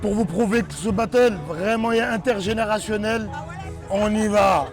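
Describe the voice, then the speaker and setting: Hyped high-voiced man interviewing. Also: moderate pace, over music. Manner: exuberant, hype-man shouting. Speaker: festival street interviewer. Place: outdoor festival.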